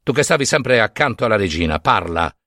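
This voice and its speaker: A man playing a wronged, furious king who speaks in stern, low commands. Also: sing-song, fairly quick, bright, forceful tone, dry recording, studio quality, full character voice. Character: Menelaus, wronged proud king, grim and furious.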